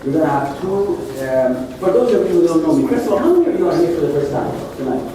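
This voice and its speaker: Male seminar host, warm tone, banters with the crowd, recorded from afar in a reverberant room. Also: on the high side, big pitch swings, quick pace, a little hiss or hum. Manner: chatty, jokey, engages the audience. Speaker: real estate club founder and host. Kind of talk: seminar talk to an audience. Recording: echoey meeting room, mic at a distance.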